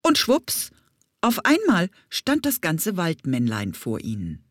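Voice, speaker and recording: A woman reads a children's story slowly, her voice rising and falling with lots of expression. Her voice is slightly husky and a little low, and the recording is close and dry. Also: no echo. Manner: lively, expressive, sometimes whispered. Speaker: audiobook reader. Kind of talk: children's audiobook narration.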